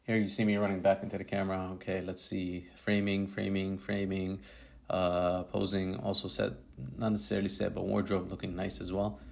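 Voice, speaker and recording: A man's voice: low-pitched, level tone, a little fast, vocal fry, hardly any pauses, a little hiss or hum. A male photographer narrating his tutorial video as a voice-over, in a casual, slangy way that sounds like thinking aloud. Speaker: photographer and YouTuber.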